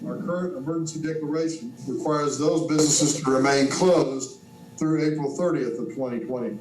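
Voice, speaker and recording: A man giving a formal, measured briefing to a council, his mic cutting in and out so the volume keeps jumping. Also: a little high, steady tone, over music. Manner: measured, reads out dates and lists. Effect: mic cutting in and out, uneven volume. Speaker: city staff member briefing council. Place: council chamber. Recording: echoey room, voice far from mic.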